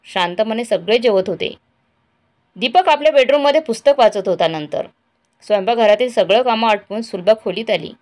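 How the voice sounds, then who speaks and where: A woman reading a family story aloud, voicing all the dialogue herself. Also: on the high side. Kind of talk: scripted narration with character voices.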